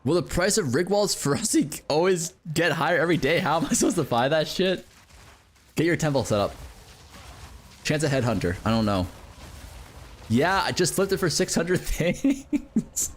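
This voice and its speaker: A man's voice: a little high, lively intonation, normal speed, long pauses, slight background noise. A man streaming a game live, chatting casually, cursing and joking while he reads out chat messages.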